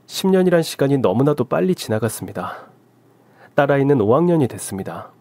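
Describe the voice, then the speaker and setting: A man's voice: mid-range voice, very animated, brisk, dark tone, dry recording. A man in his forties narrating his own story in the first person, earnest and emotional.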